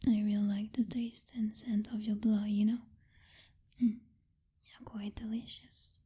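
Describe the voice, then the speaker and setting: A woman plays a possessive, jealous vampire girlfriend, commanding yet secretly tender, in a soft, intimate ASMR whisper right up against the microphone. Her mid-range voice is flat and breathy, the mood confiding and tender. She's slow, teasing and domineering, lingering in pauses and hums.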